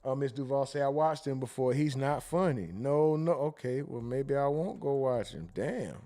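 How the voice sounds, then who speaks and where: A man hosting a casual livestream, reading viewer comments aloud and reacting with quick asides and laughter. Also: medium pitch, mellow. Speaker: livestream host reading super chats.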